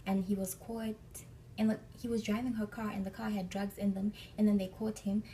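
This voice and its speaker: A woman's voice: medium pitch, level tone, brisk, mellow, recorded from a distance, slight background noise, rough recording. A young woman from Africa, chatting through a storytime vlog and acting out the people she quotes. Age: young adult. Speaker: vlogger.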